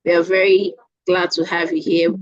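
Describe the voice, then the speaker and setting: A woman hosting an online training session, reading out a guest speaker's introduction in a formal, steady way over a video call. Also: on the low side, normal speed, dry recording. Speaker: event host. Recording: dull lo-fi video call audio.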